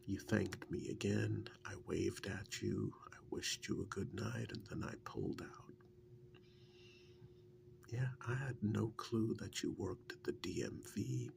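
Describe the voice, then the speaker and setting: A lowish-voiced man plays a wry, affectionate partner reminiscing in an intimate, soft-spoken ASMR role-play, fond and wistful in mood. He speaks haltingly and musingly, breathy, often slipping into a whisper.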